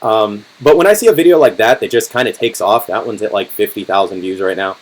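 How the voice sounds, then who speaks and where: A young man in his twenties hosting a casual live-stream Q&A, talking in a relaxed, rambling way with lots of ums and restarts, his voice going hoarse. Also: fairly low pitch, fairly quick, poor audio. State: voice getting hoarse. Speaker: car channel host.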